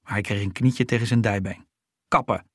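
A man narrates a story in a steady, even reading voice. His pitch sits fairly low, and the recording is dry and close with no room sound. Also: a little fast, dry recording.

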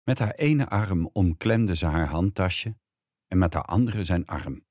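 A man narrating a story aloud in a measured, even way. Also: low voice, no room sound, clean studio sound. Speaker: reader. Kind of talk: audiobook narration.

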